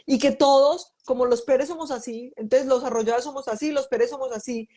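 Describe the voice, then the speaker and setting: A woman's voice: high-pitched, a little fast. A middle-aged woman hosting a family conversation, telling stories and acting out the dialogue in them. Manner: animated storyteller, acts out quoted dialogue. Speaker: host, mother.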